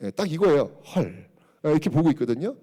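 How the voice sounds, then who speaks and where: A man giving a public history lecture, telling the story in an animated way, acting out quotes and checking in with the audience. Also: fairly high pitch, normal speed.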